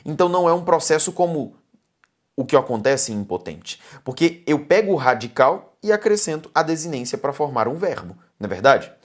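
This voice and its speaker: A woman's voice: low-pitched, very animated, a little fast. A Brazilian woman teaching a grammar lesson for exam prep. She stresses points emphatically, keeps asking students to look and pay attention, and calls them "my dears". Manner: affectionate, calls viewers "my dears".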